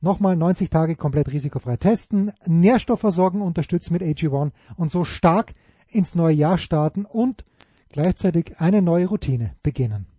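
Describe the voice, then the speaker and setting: Male ad read: very dark, husky tone, bone-dry close mic. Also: a little high, expressive, moderate pace, dry recording. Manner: upbeat and salesy, addressing listeners directly. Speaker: ad reader. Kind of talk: sponsored ad read.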